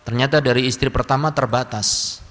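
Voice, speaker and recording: A man's voice: mid-range voice, fairly even intonation, fairly quick, fairly bright tone, soft background music. A man giving a religious lecture, telling funny stories and acting out the people in them. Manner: humorous storytelling with acted quotes. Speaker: preacher. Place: mosque hall. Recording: long hall reverb.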